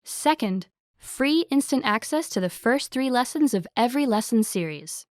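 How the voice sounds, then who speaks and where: Woman announcer, scripted promo, upbeat and salesy, slightly high voice, dry studio sound. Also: expressive, moderate pace, darkish tone, no room sound.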